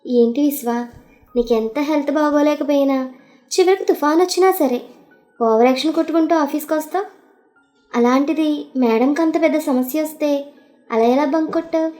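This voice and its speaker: A woman's voice: high-pitched, normal speed, long pauses, warm tone, soft background music, close to an everyday voice. A woman voicing a nosy young man from the office who keeps prying. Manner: probing, needling.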